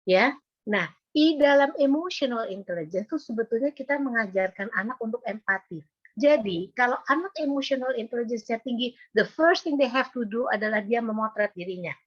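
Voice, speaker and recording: A woman's voice: a little high, expressive, brisk, slightly rough, dry recording. An older woman, a psychologist, giving a patient, explanatory webinar talk to parents with frequent filler words. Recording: dull, dry video call audio.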